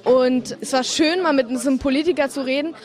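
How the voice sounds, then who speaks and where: A female student shares a short impression with a reporter. Her voice sits a little high, and her delivery is eager. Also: brisk.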